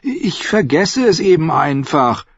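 A man's voice: on the high side, very animated, takes it slowly, vocal fry, breathy edge, dry recording, pitched above the performer's own voice, exaggerated voice. A man voicing a whiny, eager nine-year-old noble boy who pleads in a raised boyish voice. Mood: pleading. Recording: slightly dull dry recording.

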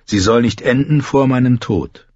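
A man voicing a quick-witted young male recruit who reasons earnestly, in an audiobook reading. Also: medium pitch, darkish tone, dry recording, pitched above the performer's own voice, lightly acted. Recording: muffled lo-fi, dry.

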